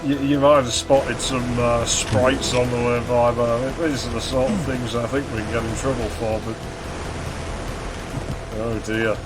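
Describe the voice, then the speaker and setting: A man with a mid-range voice and fairly even intonation talks a little slowly as he plays a game, offering casual, understated musings for his gaming video. The recording is low quality, and loud game music and effects sit behind him.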